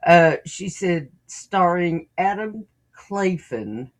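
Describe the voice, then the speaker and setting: A woman co-hosting a podcast, talking slowly and effusively with a lively, swooping pitch. She often stumbles and restarts her phrases. Her warmth toward listeners comes through in gushing remarks. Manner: effusive, stammering restarts, unhurried. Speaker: podcast co-host. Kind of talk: casual podcast chat.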